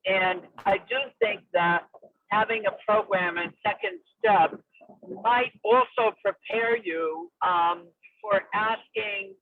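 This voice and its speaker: A woman calling into a meeting on a car speakerphone while driving, speaking hesitantly with many fillers. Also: mid-range voice. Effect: phone call from a car speakerphone. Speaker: meeting participant. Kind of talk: casual remarks in an online meeting. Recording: tinny dry phone line from a car.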